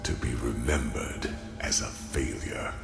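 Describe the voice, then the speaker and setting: A heavily acted male voice, very deep, plays an ancient, weary sage revealing bleak cosmic truths in a solemn dramatic game monologue. He speaks slowly and deliberately, grave, resigned and brooding. His voice is echoey over clear background music.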